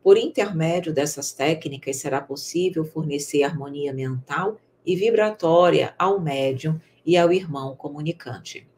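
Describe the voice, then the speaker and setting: A woman, teaching a recorded spiritist course lesson in a calm, measured and gently instructive way. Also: low voice, a little hiss or hum.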